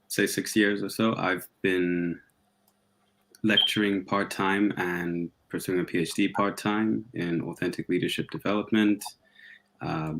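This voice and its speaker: A man from Zambia with a low voice speaks as a guest on a talk show. He is polite and articulate, introducing himself in an easy, measured way. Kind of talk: casual conversation.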